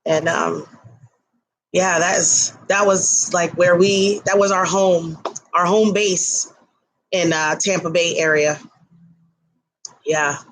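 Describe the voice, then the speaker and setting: A woman hosting a casual livestream from her home kitchen, chatting to viewers between bites, talking loudly toward a laptop mic across the room. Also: lowish voice, fairly even intonation, slow, long pauses, a little hiss or hum, rough recording. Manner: chatty, eats while talking; talks loudly to carry to the laptop. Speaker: livestream host.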